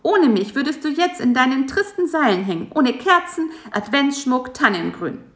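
A shrill, whining little male bug, squeaking high above his grumpy housemate and nagging without letup, as a woman puts him on. He is loud and insistent, full of restless complaint. The storybook reading sounds echoey. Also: sing-song, normal speed. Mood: furious. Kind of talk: storybook voice acting. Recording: echoey room.

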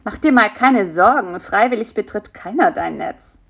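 A woman's voice: medium pitch, animated, moderate pace, gravelly, fairly bright tone, husky, heavily acted. A woman voicing a cheerful, cheeky male fly who keeps reassuring his friend in a children's story. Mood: encouraging.

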